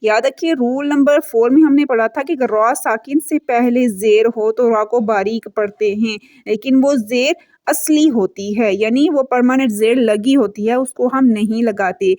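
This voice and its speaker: A woman teaching Quran recitation rules patiently, explaining step by step and chanting example verses slowly. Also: on the high side, a little mellow, no room sound, studio quality.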